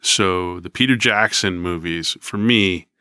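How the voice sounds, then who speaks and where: A man's voice: deep voice, measured pace, bright, forceful tone, clean tone, no room sound, studio quality. A man in his fifties co-hosting a podcast in casual chat, rambling and hesitant with frequent ums. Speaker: podcast co-host.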